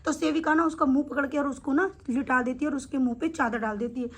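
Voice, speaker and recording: A woman's voice: high-pitched, steady tone, quick pace. A woman telling a devotional story, often laughing as she goes.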